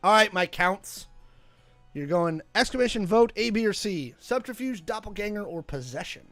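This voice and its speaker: High-pitched man hosting a game night. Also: expressive, normal speed, fairly bright tone, dry recording, soft background music. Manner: reads game text with playful dramatic flair. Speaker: game host reading events aloud. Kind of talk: casual game night narration. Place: gaming shop.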